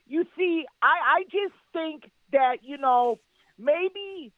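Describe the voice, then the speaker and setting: A man's voice: very high voice, slow pace, no room sound. A male caller from Worcester, talking eagerly and a bit muddled over a phone line. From Worcester, USA.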